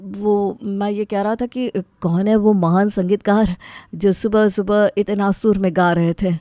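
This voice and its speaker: A woman's voice: mid-range voice, steady tone, unhurried, mellow, no room sound, clean studio sound, lightly acted. A woman voicing a flustered middle-aged man hosting a wedding in a cartoon, harried and placating. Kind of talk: cartoon voice acting.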